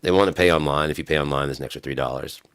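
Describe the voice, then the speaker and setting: His voice is very deep, smooth, and fairly bright, yet raggedy from smoking and screaming, and he races through a rambling, profane story with frequent laughs. This casual vlog monologue is studio quality with no echo.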